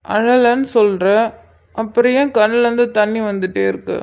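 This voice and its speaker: A woman's voice: fairly high pitch, normal speed, gravelly, a little mellow, dull audio. A woman voicing a playful young husband in a cartoon, soothing his worried family from a hospital bed. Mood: reassuring. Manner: teasing, soothing. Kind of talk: cartoon voice acting.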